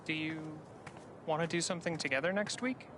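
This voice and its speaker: A man's voice: on the high side, fairly quick, background noise, lightly acted. A man acting a shy, lovestruck young man in a video game, hesitant and awkward. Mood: nervous, hopeful.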